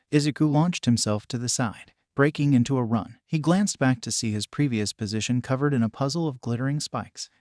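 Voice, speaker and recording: A man reading fan fiction aloud in steady, even scripted narration. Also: mid-range voice, dry recording, studio quality. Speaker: story reader.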